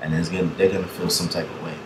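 A man's voice: deep voice, level tone, very fast, roomy sound, background noise. A young man hosting a casual reaction video. He rambles, swears freely and laughs often.

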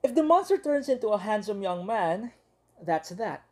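Mellow-voiced woman reading a children's story. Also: mid-range voice. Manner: expressive, with dramatic pauses and playful voices. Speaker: teacher. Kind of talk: storybook read-aloud for young children.

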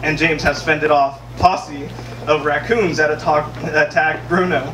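A man's voice: a little high, flat delivery, a little slow, recorded from a distance. A young man giving a best man's toast, reading from a page into a handheld microphone, a little nervous and laughing at his own jokes. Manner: nervous, laughs between lines. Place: large wedding tent, indoors. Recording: echoey room, mic heard from afar, crowd noise.

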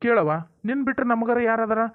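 A man's voice: very high voice, brisk, dry recording. A man with a North Karnataka accent playing a stern but caring village father-in-law, firm and then soothing, in a comedy drama. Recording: tinny phone-like dry sound.

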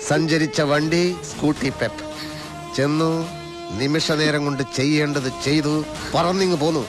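A man's voice: on the high side, fairly even intonation, normal speed, over music, lightly acted. A middle-aged actor with a Malayali accent playing a sarcastic, officious male police commissioner in a film comedy-drama. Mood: dry, teasing.

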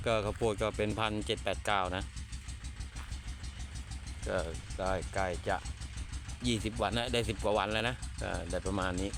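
An older man, a farmer from Thailand, talking casually and unhurriedly in his own vlog, rambling and repeating himself, recorded outdoors in a corn field. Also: lowish voice. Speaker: farmer vlogger. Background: idling engine.

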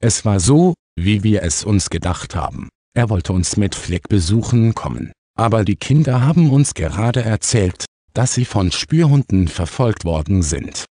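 A man voicing a calm, kind grandfather in an audiobook. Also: lowish voice, unhurried, dry recording, clean studio sound, full character voice. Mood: reassuring.

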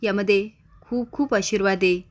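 A woman's voice: mid-range voice, steady tone, moderate pace, close to an everyday voice. Woman reading as a kindly mother. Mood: gentle. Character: gentle mother figure, kindly.

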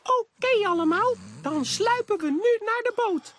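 A performer voicing a cheerful male cartoon mouse who encourages young viewers in a bright, sing-song way. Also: very high voice, lively intonation, measured pace. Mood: encouraging. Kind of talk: cartoon dub voice acting. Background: music.

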